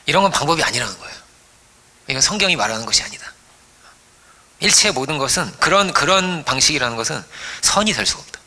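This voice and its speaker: A man's voice: a little high, lively intonation, fast, pushed and bright. A man preaching a sermon as pastor, telling stories playfully, acting out voices and often checking in with the congregation.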